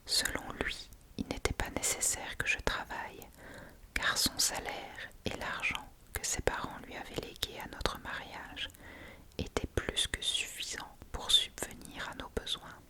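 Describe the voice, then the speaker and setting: Soft library whisper, unvoiced, ASMR book reading, narrated prose, hushed delivery. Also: measured pace. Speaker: audiobook-style reader.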